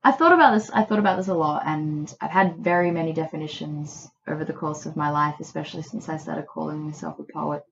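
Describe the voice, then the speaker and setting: A woman from Australia, a poet, speaking thoughtfully in a quiet bedroom and reading her poems. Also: low-pitched, fast talker, vocal fry, hardly any pauses, lo-fi sound, slight background noise. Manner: thoughtful, musing. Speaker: poet guest. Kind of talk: reflective conversation and poetry reading.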